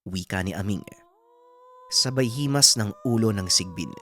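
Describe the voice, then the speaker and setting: A woman narrating a folk horror story in a steady, plain storytelling manner. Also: a bass voice, unhurried, slight background noise.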